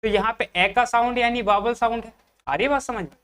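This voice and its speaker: A man's voice: very high-pitched, fairly even intonation, a little fast, a bit bright, clean tone. A man giving an exam-prep grammar lecture. He keeps checking in with his students, calls them brother, and asks questions that he then answers himself. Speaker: English grammar teacher.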